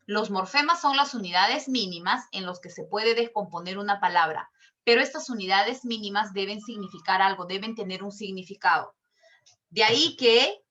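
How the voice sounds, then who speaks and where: A woman's voice: mid-range voice, sharp tone, highs cut off. A woman teacher explaining a lesson in an online class, patient and step by step, checking with questions as she goes. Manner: slow and drawn out. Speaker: language teacher.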